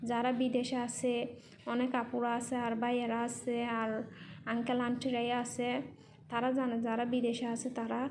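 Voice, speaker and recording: A woman's voice: fairly high pitch, completely flat delivery, moderate pace, darkish tone, a little hiss or hum. A woman narrating a casual vlog as a non-native Bengali speaker with a Chittagong-influenced accent, repeating and rephrasing things in simple words. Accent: non-native Bengali with Chittagong regional influence. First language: not Bengali. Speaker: vlogger and mother living in Malaysia.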